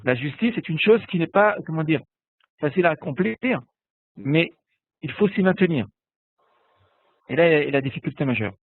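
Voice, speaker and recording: Teaching a biblical Hebrew lesson over an online call, a man speaks at normal speed in a slightly high, husky voice with lively intonation and frequent pauses. He patiently explains and repeats words, asking "d'accord?" often, in a dry recording with tinny, phone-like webinar sound.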